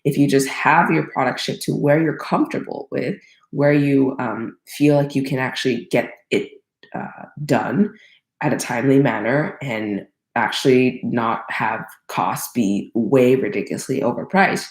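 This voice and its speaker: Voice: medium pitch, unhurried. A crowdfunding consultant from Thailand giving casual solo advice, rambling with many fillers and self-corrections. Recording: roomy echo.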